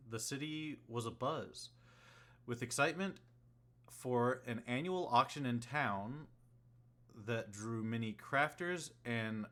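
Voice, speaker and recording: A man running a tabletop game as game master, recapping the story in a relaxed way with frequent fillers. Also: medium pitch.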